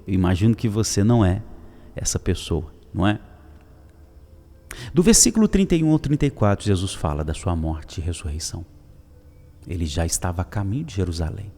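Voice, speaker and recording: A man giving a daily devotional sermon, emphatic and swinging from loud calls to soft whispers. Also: low voice, lively intonation, a little fast, slight background noise. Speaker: preacher.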